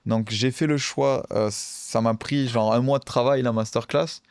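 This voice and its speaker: Smooth-voiced man chatting casually. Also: mid-range voice, steady tone, unhurried, a little mellow, no room sound, clean studio sound. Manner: hesitant, many fillers and restarts. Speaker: podcast co-host, card game player. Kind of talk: casual podcast chat.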